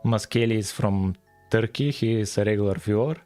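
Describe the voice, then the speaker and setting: This game developer and live streamer from Bulgaria talks over his coding session in a relaxed way, musing aloud in a Bulgarian accent. His voice sits fairly low with a darkish quality, his pace is brisk, and soft music can be heard in the background.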